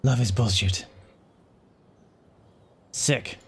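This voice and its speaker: A man's voice: medium pitch, very slow, breathy edge. A young man giving casual gameplay commentary as a streamer, playfully shifting between baby talk and muttering. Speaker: game streamer.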